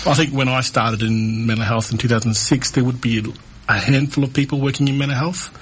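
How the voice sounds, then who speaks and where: A man from North Queensland with an Australian accent, a mental health coordinator guesting on a studio radio interview, talking in a relaxed way with easy laughs. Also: mid-range voice, brisk, husky, low-quality recording. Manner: relaxed, laughs easily, uses fillers. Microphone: studio mic.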